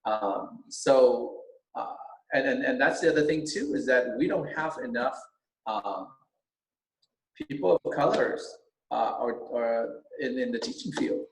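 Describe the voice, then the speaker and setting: A middle-aged teacher whose first language is Vietnamese speaks earnestly in an interview about his run for school board, restarting himself often. His mid-range voice is expressive and gravelly, and the recording has a roomy echo.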